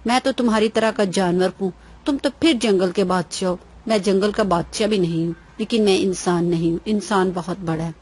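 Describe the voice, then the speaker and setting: A woman's voice: medium pitch, darkish tone, husky, close to an everyday voice. A woman voicing a humble, friendly giraffe in a children's story. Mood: modest. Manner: modest, friendly. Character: humble long-necked giraffe.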